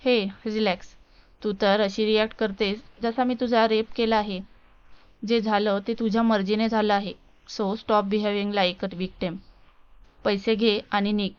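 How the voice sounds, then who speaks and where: A woman reading the part of an arrogant, dismissive rich young businessman in a storybook tale, with a smooth voice on a dull lo-fi recording. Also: mid-range voice, little pitch movement, a little slow, natural voice. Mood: scornful. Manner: cold, dismissive, mocking.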